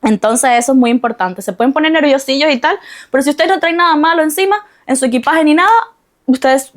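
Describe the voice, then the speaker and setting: Una mujer de Cuba con acento cubano da consejos de viaje a sus seguidores con tono conversador, franco y algo disperso. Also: female voice, high voice, quick pace. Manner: chatty, rambling, frank asides. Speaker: travel vlogger. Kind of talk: casual advice to viewers. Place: Mexico.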